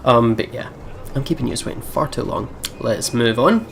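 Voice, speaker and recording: This mid-range male voice is expressive, moves at normal speed, and has some vocal fry, with a little hiss or hum in the recording. A let's play host at his home computer, he rambles casually into a desk mic, swearing and using slang while sometimes reading text aloud.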